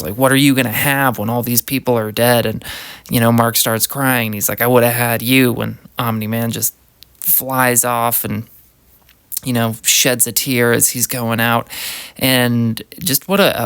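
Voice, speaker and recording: A man's voice: mid-range voice, gravelly, fairly bright tone, smooth, no echo. A man giving a casual, enthusiastic review monologue, rambling and filling his sentences with "like". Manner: enthusiastic, rambling, heavy use of "like".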